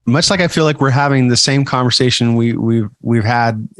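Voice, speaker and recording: A man's voice: mid-range voice, moderate pace, fairly bright tone, dry recording. A man co-hosting a podcast, talking casually in a rambling, teasing way with many restarts. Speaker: podcast co-host.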